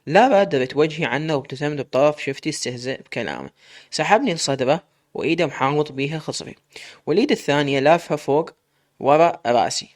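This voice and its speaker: A man with an Iraqi accent narrates a first-person story in a steady, plain reading voice. His pitch sits slightly high for a man. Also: fast. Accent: Iraqi Arabic.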